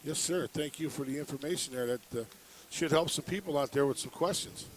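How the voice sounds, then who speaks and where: A man doing casual sports commentary in the booth, agreeable and quick to say yes. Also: fairly high pitch, a little hiss or hum, low-quality recording. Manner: agreeable, keeps saying "yes". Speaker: color commentator.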